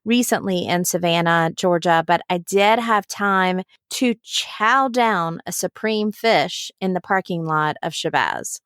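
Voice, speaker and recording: A woman's voice: lowish voice, measured pace, few pauses, fairly bright tone, clean tone, no echo. Woman podcast host, close dry sound. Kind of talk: scripted introduction, then casual interview chat. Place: clothes closet.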